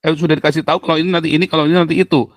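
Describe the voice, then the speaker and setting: A middle-aged man preaching a sermon to his church, animated and full of playful mock voices and sound effects. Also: very fast, dry recording. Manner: animated, jumps to high mocking tones and sound effects. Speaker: pastor.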